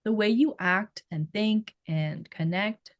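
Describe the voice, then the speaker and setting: A woman therapist with a Filipino accent, talking through ideas in a thoughtful, gentle way on a casual podcast and searching for her words. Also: medium pitch, takes it slowly, no echo, clean studio sound.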